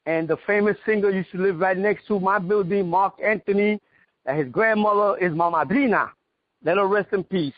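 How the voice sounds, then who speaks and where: A man's voice: high-pitched, moderate pace, no echo. A man from New York, a martial artist guest, reminiscing in a casual radio interview. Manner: reminiscing, talks in street-direction detail. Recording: dry, dull lo-fi radio audio.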